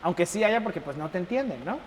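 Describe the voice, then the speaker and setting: A young Mexican man with a Mexican accent, chatting casually as an interview guest and telling stories with lively acted-out dialogue. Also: high-pitched, fast talker. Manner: animated, acts out quoted dialogue, laughs often. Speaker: embassy chef, interview guest. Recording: reverberant room with faint noise.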